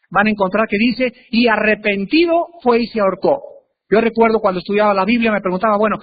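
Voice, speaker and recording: High-voiced male preacher, emphatic sermon delivery with sharp pitch jumps, on a tinny, lo-fi recording. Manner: emphatic, with sudden swings in pitch and loudness. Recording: tinny phone-like recording with faint hiss.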